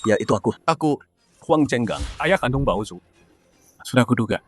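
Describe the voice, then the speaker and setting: A man's voice: mid-range voice, animated, a little fast, soft background music, natural voice. A man voicing a boastful, scornful rich father who looks down on others. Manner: sneering, condescending. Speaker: wealthy biological father. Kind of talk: dubbed drama acting.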